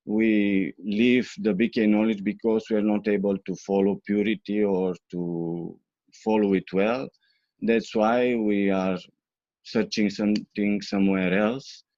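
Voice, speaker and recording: Bulgarian guy answering questions, slow and halting, lowish voice, dull lo-fi sound. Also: darkish tone, dry recording. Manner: hesitant, many fillers. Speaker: interview guest. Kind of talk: interview answers.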